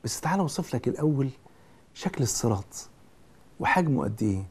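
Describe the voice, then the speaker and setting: A man's voice: mid-range voice, big pitch swings, fast talker, darkish tone, slightly rough. A man with an Egyptian Arabic accent preaching a sermon, earnest and speaking straight to the listener with repeated pleas.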